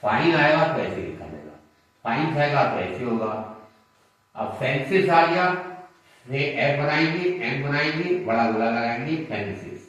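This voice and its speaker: Guy teaching shorthand, slow patient step by step, boomy room, sounds far away. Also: animated, fairly bright tone. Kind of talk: classroom lesson at a board. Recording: echoey room, mic far off.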